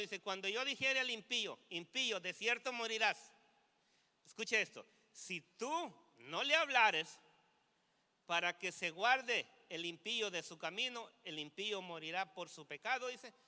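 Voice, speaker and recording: A man, a pastor, preaching a sermon, reading scripture slowly and growing fervent as he goes. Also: sits high, sharp tone, smooth, in a large hall. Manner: preaching with rising fervor, reads scripture slowly. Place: church.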